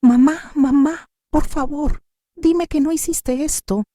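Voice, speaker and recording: A woman's voice: moderate pace, warm tone, dry recording, lightly acted. Woman playing a frantic pleading daughter. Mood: desperate pleading. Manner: shrill, crying pleas.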